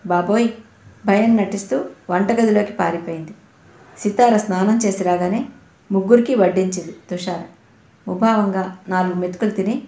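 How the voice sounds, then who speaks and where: Brief: female audiobook narrator, expressive storytelling, mellow tone, echoey room. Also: mid-range voice. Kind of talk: scripted narration of a novel. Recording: roomy echo.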